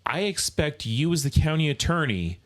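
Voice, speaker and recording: A man's voice: a little high, sing-song, normal speed. Blunt man in casual podcast chat. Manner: blunt, frank. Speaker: podcast co-host.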